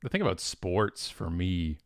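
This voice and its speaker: A low-voiced man chatting on a live stream, recorded close and dry with no room sound. He talks in an animated, off-the-cuff way, full of fillers and quick restarts, and breaks into sudden excited peaks. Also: dry recording. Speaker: professional speaker.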